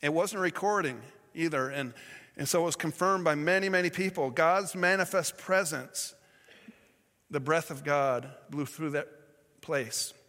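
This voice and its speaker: A man preaches a sermon in a storytelling way, stumbling over words and correcting himself as he goes. His voice sits a little high for a man. A long reverb trails behind him, as in a large hall. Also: measured pace, sharp tone. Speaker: pastor.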